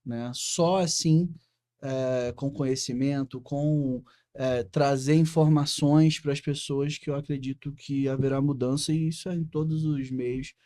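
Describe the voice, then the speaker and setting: A Brazilian man who is a guest on a podcast, speaking earnestly and pausing to find his words. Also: mid-range voice, steady tone, mellow. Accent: Brazilian Portuguese. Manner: earnest, thinks aloud with hesitations. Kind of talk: conversational interview.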